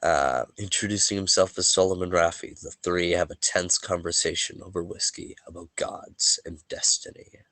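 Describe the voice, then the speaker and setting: This game master has a low, steady voice with a bright, forceful tone, talking at a moderate pace with hardly any pauses. He's sniffly from allergies and a little worn as he banters loosely, then reads the recap of the tabletop story so far. He jokes, stumbles and restarts, and the recording has no echo.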